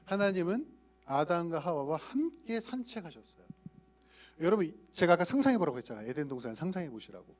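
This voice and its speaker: A man's voice: on the high side, sing-song, brisk. A male youth pastor giving a playful sermon, often asking his listeners questions. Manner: playful, asks the audience questions. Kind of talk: sermon to young adult leaders.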